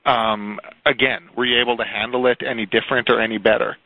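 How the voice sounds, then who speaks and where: A man's voice: medium pitch, little pitch movement, fast, dry recording. Hesitant male reporter on a tinny phone line. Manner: hesitant, self-correcting questions. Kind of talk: asking questions on a press conference call. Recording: narrow, tinny telephone line.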